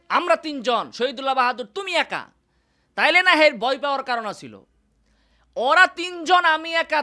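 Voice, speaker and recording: A man preaches in a combative monologue from indoors. His voice is bright and cutting, and he keeps firing scornful rhetorical questions at his rivals. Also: very high voice. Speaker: Islamic preacher.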